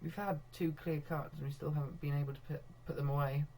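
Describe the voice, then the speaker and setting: A young man with a slightly high voice talks at a quick pace, live-commentating his own football management game as a gaming video host. He gets excitable when goals come and laughs at himself.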